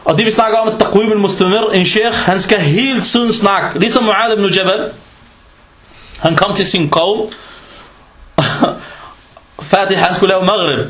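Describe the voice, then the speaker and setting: A man preaching a humorous sermon in a mosque, telling stories with lively rhetorical questions and scattered Arabic religious terms. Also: sits high, pauses often, echoey room. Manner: animated storytelling with rhetorical questions.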